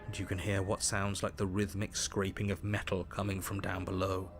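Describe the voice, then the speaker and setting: An actor playing a stern storybook narrator in a dark fairy-tale video game, measured and ominous. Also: male voice, sits low, completely flat delivery, music in the background. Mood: grave, ominous.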